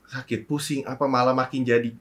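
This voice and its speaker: Male guest, casual chat; mid-range voice, halting and reflective delivery with trailing thoughts. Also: medium pitch, level tone, fairly bright tone, a little hiss or hum. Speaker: interview guest.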